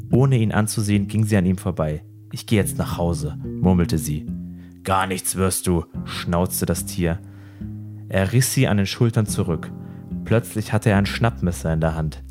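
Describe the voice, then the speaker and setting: A low-pitched man narrates a dark crime story slowly and gravely. His tone is measured and serious. Guitar music plays clearly behind him. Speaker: podcast host. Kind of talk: dramatic true-crime storytelling.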